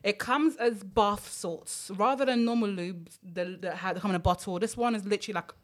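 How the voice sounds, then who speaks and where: A woman's voice: mid-range voice, normal speed. A woman co-hosting a podcast, chatting frankly and rambling with lots of fillers. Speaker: podcast co-host. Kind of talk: casual chat.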